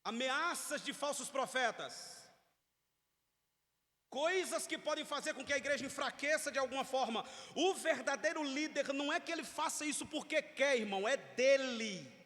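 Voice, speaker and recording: A man's voice: extremely high pitch, moderate pace, pushed and bright. A man with a Brazilian Portuguese accent preaching a teaching sermon in church, emphatic and asking the congregation questions. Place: church sanctuary. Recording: long reverb of a church hall.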